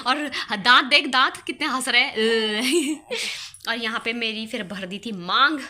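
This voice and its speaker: A woman's voice: fairly high pitch, expressive, takes it slowly, pushed and bright. A young woman chatting casually as she shows her wedding photos, laughing often and near tears at times. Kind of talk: casual chat.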